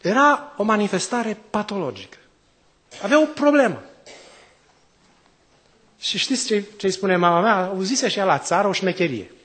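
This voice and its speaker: High-voiced male preacher asking rhetorical questions. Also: expressive, long pauses. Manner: swings between loud exclamations and quiet drops. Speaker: priest. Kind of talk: sermon.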